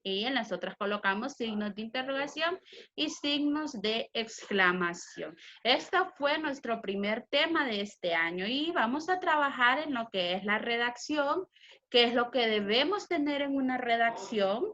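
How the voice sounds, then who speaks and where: Woman schoolteacher, patient step-by-step explainer, a bit high-pitched, dull lo-fi computer-mic sound. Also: lively intonation, a little slow, pushed and bright. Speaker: teacher. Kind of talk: recorded grammar lesson for children.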